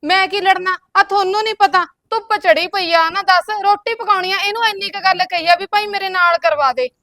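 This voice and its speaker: A woman plays a nagging elder sister-in-law. Her voice is very high and bright, and she scolds with a curt, bossy edge. The recording is close and dry. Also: steady tone, brisk, no echo. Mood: scolding. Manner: scolding, keeps tagging lines with a curt "tell me". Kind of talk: comedy skit acting.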